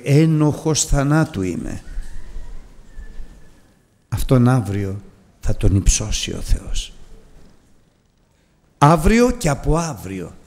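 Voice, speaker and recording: A man preaching a Sunday sermon to his congregation, moving from hushed, low pleading to high, loud cries.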